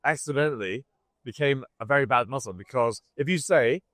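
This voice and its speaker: A man's voice: mid-range voice, a little fast, a bit bright, no room sound, studio quality. A man who grew up in Scotland, speaking with a posh English accent, talking bluntly and provocatively as an interview guest. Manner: blunt, provocative, laughs at own jokes. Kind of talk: casual interview talk.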